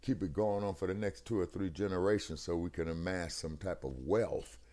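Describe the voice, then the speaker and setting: A man with a deep, low-pitched voice, heard over a video call through a headset while the connection breaks up now and then. His manner is emphatic and preachy, and he keeps checking whether his listener follows. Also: a little fast, dark tone. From United States. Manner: emphatic, preachy, keeps asking "you see what I'm saying?". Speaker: co-host of a talk stream. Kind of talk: casual political discussion.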